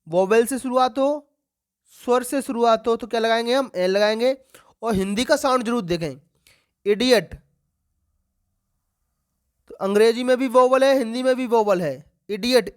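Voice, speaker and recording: A woman teacher leads an exam-prep grammar lesson for schoolchildren. She keeps asking the class questions and then answering them herself. She repeats the key words slowly for emphasis. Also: a little high.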